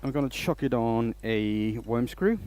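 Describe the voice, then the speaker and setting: A man's voice: mid-range voice, animated, unhurried, a little mellow, clean tone. A man from Denmark hosting a casual woodturning livestream, rambling and restarting his sentences as he greets viewers. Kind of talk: casual live-stream chat while working.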